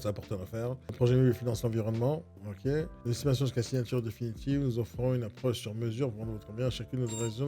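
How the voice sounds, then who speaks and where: A man's voice: mid-range voice, dark tone. A man who coaches real estate agents gives a blunt, exasperated, mocking casual critique of agency websites.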